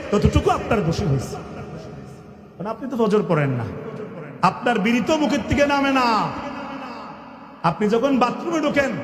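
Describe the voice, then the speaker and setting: A man with a Bangladeshi Bengali accent delivers a fiery sermon in a strikingly high voice, mocking and mimicking the people he scolds. He often breaks into shouts for emphasis. His voice rings through a public address system in a large hall with long, roomy reverb. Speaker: preacher.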